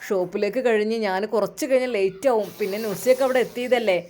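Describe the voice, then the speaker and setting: Brief: woman as a young husband, hurried excuses. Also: mid-range voice, darkish tone, natural voice. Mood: evasive. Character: young husband, evasive son.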